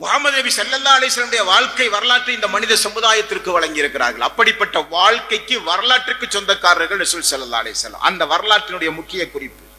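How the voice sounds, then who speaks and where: A man's voice: high voice, lively intonation, fast, few pauses, sharp tone. A man from Tamil Nadu preaching a sermon with passion, repeating phrases and asking rhetorical questions. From Tamil Nadu, India. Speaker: Islamic preacher. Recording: long hall reverb.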